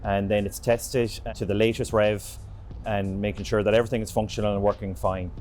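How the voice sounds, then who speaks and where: A man's voice: lowish voice, flat delivery, brisk, a little mellow, a little hiss or hum. A man giving an explanatory walkthrough as a member of facility staff. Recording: background music under voice.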